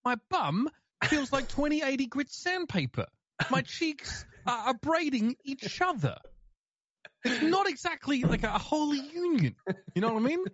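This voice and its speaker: Male tabletop player, jokey, crude, animated, on dull lo-fi audio. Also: very high-pitched, a little slow, dry recording. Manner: jokey, sweary. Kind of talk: casual tabletop role-play banter.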